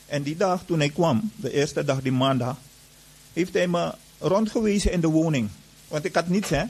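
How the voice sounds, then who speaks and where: A man's voice: on the high side, moderate pace, a little mellow, slightly rough, poor audio. A man giving an earnest personal testimony to an audience, retelling events with lots of reported dialogue.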